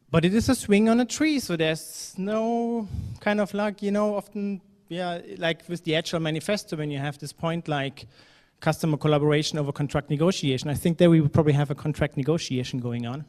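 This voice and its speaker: Giving a conference talk in a reverberant hall, this German man has a fairly high, slightly mellow voice and a brisk pace. He keeps things conversational, using fillers and now and then a phrase that sounds non-native.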